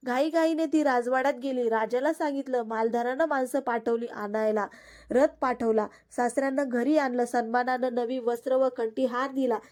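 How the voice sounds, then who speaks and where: A woman vlogger narrating a devotional folk tale in a steady, simple recital. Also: a little high. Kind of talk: storytelling narration.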